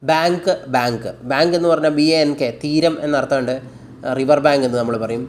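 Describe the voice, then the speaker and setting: Here a slightly high-voiced man with a Malayali accent teaches English by reading word lists at a slow pace and repeating them. He gives an explanation of each in his own tongue and fixes his slips partway through sentences.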